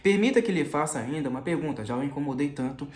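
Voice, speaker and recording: A man's voice: fairly high pitch, expressive, quick pace, a little mellow, natural voice. A man voicing an insistent, fawning middle-aged magistrate in an audiobook reading. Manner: insistent, chatty, falsely friendly. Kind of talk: audiobook character voice. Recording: roomy echo.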